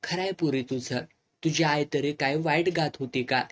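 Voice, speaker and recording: The narrator voicing an older village uncle who is gentle and resigned, talking in a soft, lowered voice. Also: moderate pace, natural voice. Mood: wistful.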